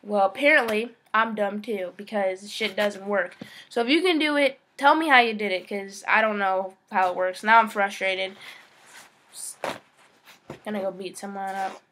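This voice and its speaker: A woman's voice: mid-range voice, normal speed, fairly bright tone, a little hiss or hum. Swearing young woman vlogging a challenge. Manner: swears a lot, frustrated and chatty. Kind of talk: casual vlog.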